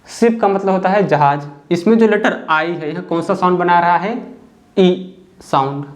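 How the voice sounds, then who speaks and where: A man's voice: high-pitched, fairly quick. A man teaching as he explains step by step, patiently repeating each point and checking in with the listener.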